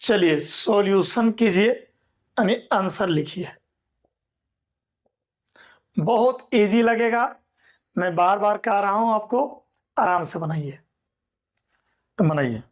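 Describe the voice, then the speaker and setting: A man teaching a maths class, slowly dictating problems and patiently explaining solutions to students. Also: sits high. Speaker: mathematics teacher. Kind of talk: classroom lecture.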